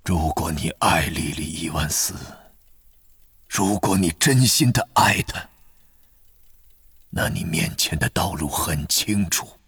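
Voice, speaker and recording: A man voicing a calm, gentle elderly headmaster wizard in an audiobook, soft and measured. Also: rumbling low, gravelly, slightly rough, no echo, clean studio sound, voice pushed down, exaggerated voice. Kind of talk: audiobook character voice.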